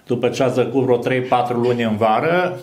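Older guy critic talking books at a stand mic, slow and thoughtful, roomy echo. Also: mid-range voice. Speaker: literary critic. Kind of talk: book launch talk. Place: small hall with a banner backdrop.

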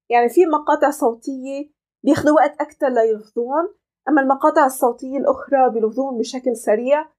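Woman, Levantine Arabic accent, language teacher, patient step-by-step explaining, slightly high pitch. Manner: explains step by step, slowly modelling English phrases. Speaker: English teacher. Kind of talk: online language lesson.

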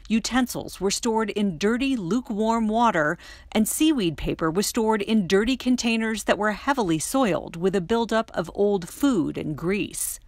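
Middle-aged woman news reporter, scripted voice-over, crisp steady read, dry booth sound. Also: medium pitch, moderate pace, dry recording. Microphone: studio voice-over mic.

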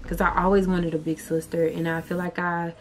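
A woman's voice: on the low side, flat delivery, brisk. A young woman, a beauty vlogger chatting heartfelt to her viewers, calling them "y'all.". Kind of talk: casual chat to camera.

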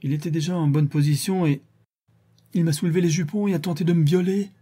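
A man's voice: on the high side, lively intonation, normal speed, warm tone, breathy edge, voice pushed up. Man voicing a tearful young servant woman. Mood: distraught. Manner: rising, pleading delivery. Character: young woman servant confessing a killing, distraught.

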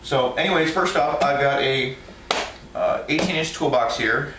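A man who drives trucks casually presents his tools indoors at home, with lots of ums and false starts. Recorded by an overhead camera a few feet from him, his mid-range voice is a little slow, pushed and bright, and sounds distant and echoey with some background noise.

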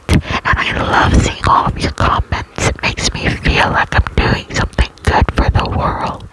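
Female ASMR creator, cupped-hand whisper right on the mic, soothing rambling with repeated phrases. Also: poor audio. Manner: whispers throughout with hands cupped around the microphone. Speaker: amateur ASMR video creator. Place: indoor room at home. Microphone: desk microphone very close, cupped by hands.

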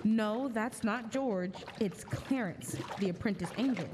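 A woman's voice: mid-range voice, unhurried, very noisy. A young woman performing scripted narration for a stage radio play. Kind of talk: scripted narration and sponsor skit. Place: school auditorium stage.

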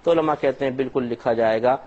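A male scholar delivers a religious lecture at a mid-range pitch, working through his points one careful example at a time. The recording sounds slightly dull and lo-fi. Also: darkish tone. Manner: patient explaining through step-by-step examples. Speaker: Islamic scholar.

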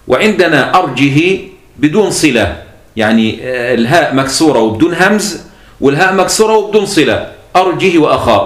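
Male teacher, Egyptian accent, higher-pitched, patient step-by-step lecturer; roomy, echoey recording. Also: a bit bright. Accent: Egyptian Arabic. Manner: explains step by step, repeats key points, addresses listeners as beloved in God. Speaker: teacher of Quran sciences. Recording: echoey room.

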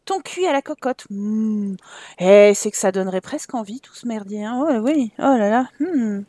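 High-voiced, playful French woman. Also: expressive, moderate pace, warm tone, dry recording. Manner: chatty and playful, talks to her game characters. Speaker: Sims gameplay YouTuber. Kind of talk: casual let's-play commentary.

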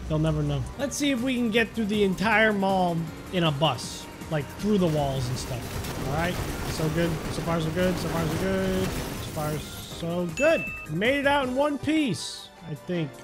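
A young man's gameplay commentary for his gaming channel is casual and comic, with exclamations and a mock-serious streak. His high voice is animated but kept to a measured pace. Music sits behind the voice.

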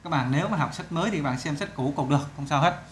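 A male teacher with a Vietnamese accent, walking through an English exam in a casual, chatty way, often stretching words slowly to show their stress. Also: a little high. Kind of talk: casual exam walkthrough lesson.

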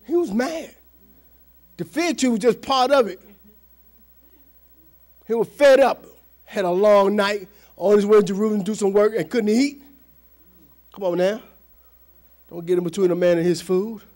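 A male pastor preaching a fervent sermon, calling for responses from the congregation and swinging between shouts and near-whispers. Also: high-pitched, brisk.

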